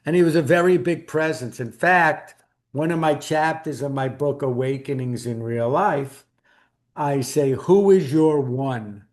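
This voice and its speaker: A middle-aged man speaks in a Brooklyn accent, pitched a little high for a male voice. He talks as a guest author, recounting personal memories in a conversational storytelling style. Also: measured pace, a little mellow.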